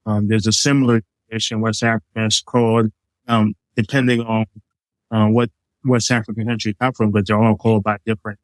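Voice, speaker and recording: In this poor-quality, dry recording, a middle-aged chef from Liberia speaks fairly quickly as an interview guest. His voice sits on the low side with a level tone. Relaxed and casual, he walks through his food using plenty of examples and lots of fillers.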